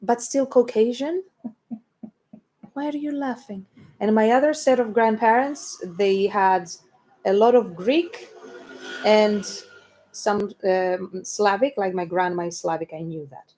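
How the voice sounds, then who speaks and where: Co-hosting a stream with her band, this young woman from England bickers and swears casually through some easygoing banter. Her voice is medium in pitch and warm, and she takes her time.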